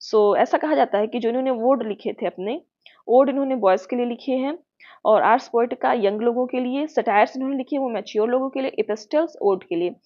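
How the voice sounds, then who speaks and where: Speaking briskly in a voice on the high side, a woman teacher with an Indian accent gives a patient exam-prep lecture and checks in with her students frequently. The recording sounds muffled and lo-fi.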